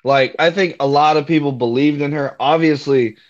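A man's voice: a little high, steady tone, moderate pace. A man giving his views casually as a panelist in a sports discussion. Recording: dull, muffled lo-fi sound.

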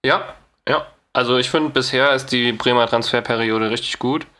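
A man of middle pitch co-hosts a football podcast in an easygoing, agreeable way. He often answers with brief yeses before building out his own point. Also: normal speed, bright, forceful tone. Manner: easygoing, agreeable, short replies. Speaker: podcast co-host. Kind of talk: casual football chat.

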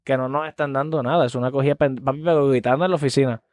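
A man, a guest telling a story in casual street slang and acting out quotes loudly. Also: medium pitch, steady tone, very fast, no room sound, studio quality.

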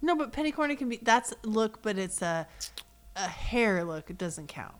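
Animated, blunt woman co-host. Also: medium pitch, moderate pace. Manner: blunt and opinionated. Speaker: podcast co-host. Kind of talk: casual reaction chat.

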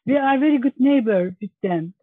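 A woman from Turkey, interviewed as an English learner, speaks briskly in a high-pitched, expressive voice with a Turkish accent and careful, non-native phrasing. The recording is dry and comes through a thin, phone-like line.

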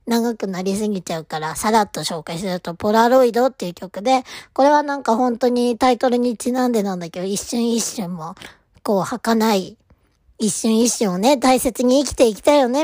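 A woman with a fairly high, darkish voice talks casually to camera as a fan, gushing and rambling about her favorite idol. She's animated and moderately paced, sometimes dropping to almost a whisper. The sound is clean studio audio with no room sound.

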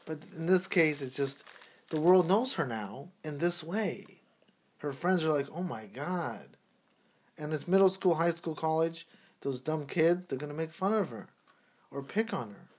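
A man in his thirties co-hosting a casual talk show, speaking in an earnest, preachy, emphatic way. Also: fairly high pitch. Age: 30s. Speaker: podcast co-host.

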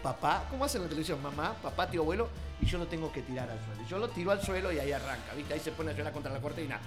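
Fast-talking Argentine man telling stories. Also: fairly high pitch, over music. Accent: Argentine Spanish. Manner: animated storyteller, acts out quotes. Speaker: circus owner guest. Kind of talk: storytelling on radio.

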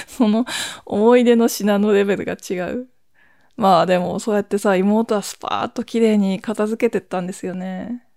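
This is a woman in her forties recording her own podcast at home at night, a casual solo ramble where she laughs at herself and keeps things hushed. She has a mid-range voice with vocal fry and a slightly mellow quality, and the sound is clean studio audio with no echo.

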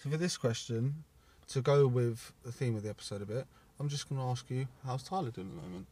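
Brief: young man, podcast co-host, relaxed and halting delivery, a little off mic. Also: medium pitch, distant mic. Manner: easygoing, halting, many fillers. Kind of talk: casual chat.

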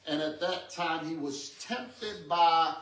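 Taking his time, a man in his sixties preaches in a fairly high, fairly bright voice. It's a pastor's conversational teaching sermon with frequent word repetition and "amen" and "okay" check-ins, recorded from a distance in a room with echo.

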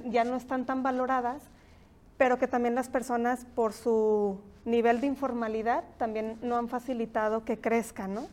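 A woman's voice: fairly high pitch, darkish tone. A woman with a Mexican accent hosting a podcast interview, reflective and thinking aloud, often ending points with a questioning tag. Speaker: podcast host. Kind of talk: conversational interview.

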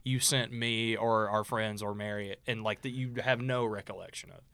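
A man's voice: fairly low pitch, fairly even intonation, moderate pace, fairly bright tone, clear, resonant tone, no echo. A man co-hosting a podcast in casual chat, loose and chatty, swearing freely and trailing off into restarts. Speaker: podcast co-host.

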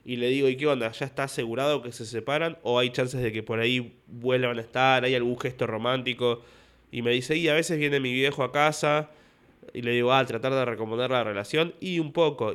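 A man's voice: medium pitch, fairly quick, fairly bright tone, clear, resonant tone. A young man with an Argentine accent, a stand-up comedian hosting his podcast and telling stories from his shows with acted-out dialogue. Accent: Rioplatense Spanish. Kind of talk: casual podcast monologue.

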